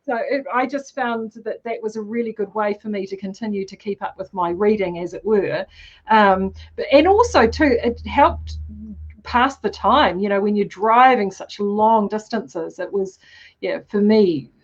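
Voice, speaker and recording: A woman's voice: mid-range voice, unhurried. Woman with broad Kiwi accent, muffled audio. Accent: broad New Zealand. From New Zealand. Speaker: interviewer and host. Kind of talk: casual online chat.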